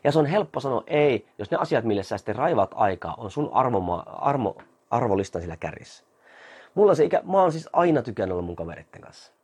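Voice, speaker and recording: Male fitness coach, casual to-camera talk; husky tone, animated pitch, slows down to read out quotes. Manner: reads out short quotes slowly, then comments on them.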